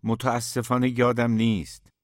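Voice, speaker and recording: A man's voice: medium pitch, completely flat delivery, no echo, studio quality, voice pushed up, natural voice. A man reading an audiobook, voicing a troubled young poet who speaks in a hesitant, subdued way.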